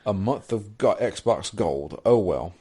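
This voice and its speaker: Casual podcast co-host, man, lowish voice, rambling self-corrections. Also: lively intonation, takes it slowly. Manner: rambling, self-correcting, reads listener email aloud. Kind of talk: casual gaming podcast chat.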